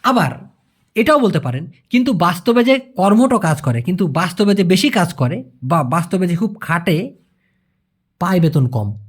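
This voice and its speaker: A man teaching a language lesson in a casual way, repeating phrases slowly and calling his viewers brother. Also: sits high, sing-song, slightly rough.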